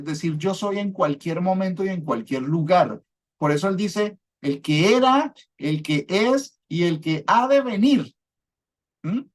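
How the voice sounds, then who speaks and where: A man preaching a sermon with fervor, checking in with his listeners through repeated rhetorical questions. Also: high voice.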